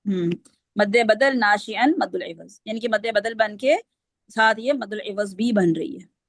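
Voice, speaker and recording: A woman with a medium-pitched voice, speaking at a normal pace, gives an online lesson on Quranic recitation rules, walking through them step by step and testing her students. The recording is dry.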